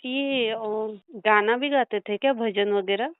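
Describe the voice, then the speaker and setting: A woman's voice: fairly high pitch, slow, clean tone, no room sound, narrow, tinny audio. A woman giving a psychic reading, relaying messages, chatty and playful and laughing often. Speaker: psychic reader.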